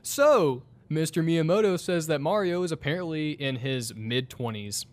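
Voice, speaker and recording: A man's voice: a little high, lively intonation, normal speed. A young man co-hosting a casual gaming podcast, rambling and laughing often, with some casual swearing. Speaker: podcast co-host.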